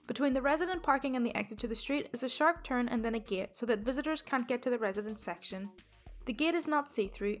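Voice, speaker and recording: A woman hosting a storytime channel, reading online posts aloud in a steady, even delivery. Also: fairly high pitch.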